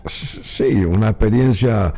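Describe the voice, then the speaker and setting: A male host, asking questions courteously and filling pauses with murmured agreement. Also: on the low side, dark tone. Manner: frequent murmured backchannels, formal and courteous. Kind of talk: interview hosting. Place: studio.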